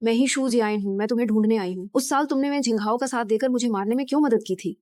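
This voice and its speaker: A wronged young heiress confronts her betrayers in a high, cutting voice, played by a woman. The lines of this dubbed drama sound dry and close, and every word accuses. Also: racing, a little mellow, dry recording, natural voice. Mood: accusing. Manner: cold, accusing. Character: wronged wealthy young heiress seeking revenge.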